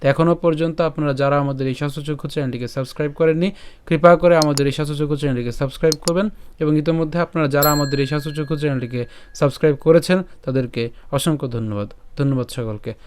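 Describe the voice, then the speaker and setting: A man teaching Sanskrit verse pronunciation in an online lesson, chanting each line slowly and drawn out, then explaining the sounds step by step. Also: fairly high pitch, steady tone, a little mellow, smooth.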